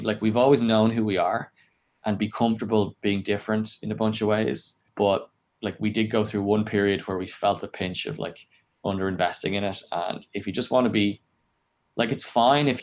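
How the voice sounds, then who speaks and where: A man with a lowish voice, recorded in lo-fi, answers interview questions conversationally about his work experience as an engineering leader. He explains things emphatically, leaning heavily on fillers like "like" and questioning himself with rhetorical questions.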